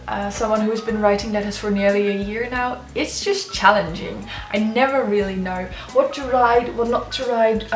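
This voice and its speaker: A woman's voice: fairly high pitch, roomy sound. A woman chatting casually as she hosts a how-to vlog, her speech slightly off from a swollen jaw. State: swollen jaw after wisdom teeth removal, speech slightly impeded. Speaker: letter-writing blogger and video host.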